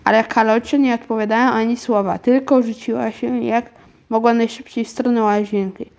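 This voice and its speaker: A woman reads a children's story aloud at an even, calm pace. Her voice sits a little above the usual pitch for a woman. Now and then she trips over a word and starts it again. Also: moderate pace. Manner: calm, even narration with small slips. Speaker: narrator. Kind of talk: storybook reading.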